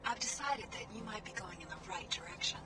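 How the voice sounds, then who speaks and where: A woman's voice: medium pitch, lively intonation, fairly quick, over music, lightly acted. A woman voicing a mysterious pilot who speaks in a cool, guarded, whispery way.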